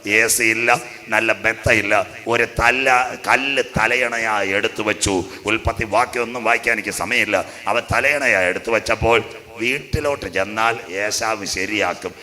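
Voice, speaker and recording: Bright-voiced preaching pastor. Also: male voice, lowish voice, steady tone, normal speed. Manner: storytelling with jokes, rising to loud preaching. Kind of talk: sermon.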